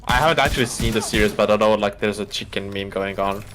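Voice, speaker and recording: A man's voice: lowish voice, fast, a bit bright, soft background music. A man who is not a native English speaker, chatting casually during a game stream, explaining at length and stopping to search for words. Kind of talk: casual chat while gaming.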